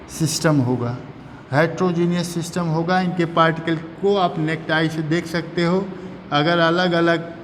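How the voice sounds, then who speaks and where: High-voiced man teaching chemistry in a reverberant room. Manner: repetitive, asks and answers own questions. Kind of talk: classroom lecture. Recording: long reverb, faint background noise.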